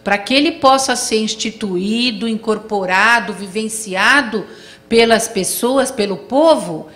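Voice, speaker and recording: A woman lecturing to a class with a bright, forward voice pitched a little high. She builds her explanation step by step, pausing to ask her listeners whether they follow. Her delivery is steady and instructive. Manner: explains step by step, checks in with the audience often.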